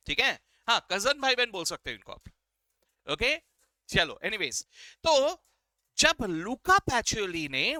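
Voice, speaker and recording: A man's voice: high voice, sharp tone, clear, resonant tone, no echo. A male accounting teacher giving a playful lecture, quizzing his viewers and mixing English phrases into his talk. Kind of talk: classroom-style lecture.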